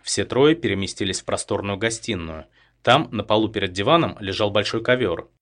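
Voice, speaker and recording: A man narrating a thriller audiobook in a steady, tense manner. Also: fairly low pitch, fairly quick.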